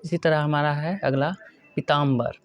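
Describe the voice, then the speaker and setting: A male teacher giving a spelling lesson, working through words one by one and repeating each correct form slowly. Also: on the high side, fairly even intonation. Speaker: Hindi grammar teacher. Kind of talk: exam-prep lesson.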